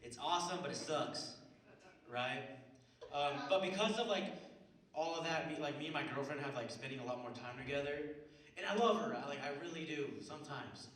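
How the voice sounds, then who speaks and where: A man's voice: on the high side, brisk, fairly bright tone. A young man doing a stand-up comedy set on a theater stage, talking loosely and profanely with lots of fillers and slang. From Mexican heritage. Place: small theater stage with live audience. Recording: roomy theater sound from a distant mic, crowd audible.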